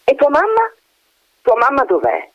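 A man's voice: very high voice, wildly swooping pitch, normal speed, no echo, pitched above the performer's own voice, full character voice. A man voicing a stern woman of about fifty, a charity patroness, in a falsely sweet and prying tone. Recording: dull dry recording.

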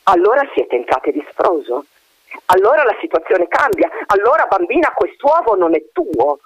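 A man's voice: high-pitched, big pitch swings, moderate pace, dry recording, voice pushed up. A man voicing a stern woman of about fifty, a charity patroness, in a falsely sweet and prying tone. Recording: dull dry recording.

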